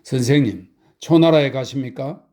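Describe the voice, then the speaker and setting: A man reading an energetic, respectful young male student in an audiobook. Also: mid-range voice, normal speed, close to an everyday voice. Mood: eager. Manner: respectful, eager.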